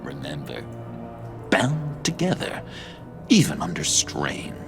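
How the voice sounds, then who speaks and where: Game role: needy, unhinged young man, slow, theatrical, wide-ranging, music underneath. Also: rumbling low, exaggerated voice. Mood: pleading, intense. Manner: pleading, halting, swinging from hushed to excitable. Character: eager, unstable, needy young misfit man, anxiously devoted. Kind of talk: video game acting.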